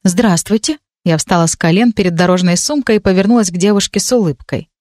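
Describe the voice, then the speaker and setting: A woman narrating a fantasy audiobook in the first person with measured, steady reading. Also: on the low side, no room sound, studio quality.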